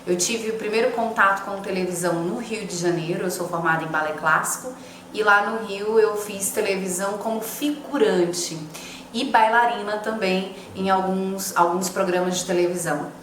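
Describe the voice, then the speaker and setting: A woman's voice: medium pitch, normal speed, a bit bright. A woman in her forties from Fortaleza, a TV presenter, recounting her career in a conversational documentary interview. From Fortaleza, Brazil. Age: 40s. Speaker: TV presenter and former reporter. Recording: echoey room, faint hiss.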